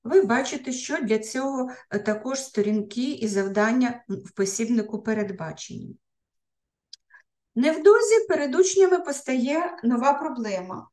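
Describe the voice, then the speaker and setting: A woman, an education researcher, lecturing teachers, pausing often on filler sounds and restarting words. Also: on the high side, animated, mellow. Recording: roomy echo.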